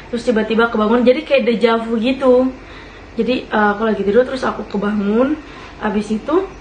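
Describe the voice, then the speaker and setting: A young woman, telling a ghost story in a casual, chatty way to her listeners and often laughing as she talks. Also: fairly high pitch. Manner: chatty, addresses listeners as friends. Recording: echoey room with faint hiss.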